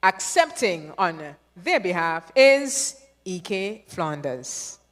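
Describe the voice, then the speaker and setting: A woman hosts a live awards ceremony in a large hall, where the sound echoes with long reverb. Her voice is on the low side, very animated and slow-paced, and she's playful and chatty, putting questions to the audience.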